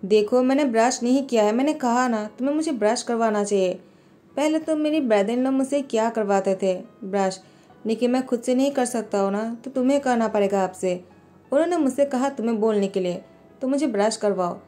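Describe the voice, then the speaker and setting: Woman voicing a naive little husband, sweet and pleading, mellow tone, for a storybook over music. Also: a little high, a little fast, natural voice. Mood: innocent. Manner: innocent, pleading. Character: naive, childlike young husband, sweet and fearless.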